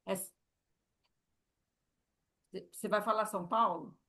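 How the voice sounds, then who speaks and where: Slow patient brazilian woman teaching sign language, repeats words over and over, medium voice. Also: medium pitch, steady tone, bright, forceful tone. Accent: Brazilian Portuguese. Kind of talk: live sign language lesson.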